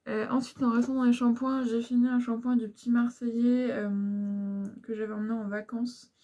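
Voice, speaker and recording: This beauty vlogger's voice sits a little high and mellow, with little pitch movement and a moderate pace. The young woman chats frankly through her used-up beauty products, rambling with plenty of fillers and side comments in a relaxed review.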